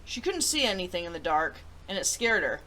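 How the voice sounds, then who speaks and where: A woman with a fairly low, sing-song voice and a sharp tone talks briskly, with slight background noise and poor audio quality. She presents a children's story-time show, reading picture books aloud and reviewing them in an upbeat, theatrical way.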